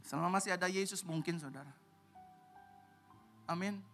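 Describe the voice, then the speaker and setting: A man preaching a sermon as a pastor, animated and swinging from loud to hushed as he acts out other voices. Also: high voice, normal speed, soft background music.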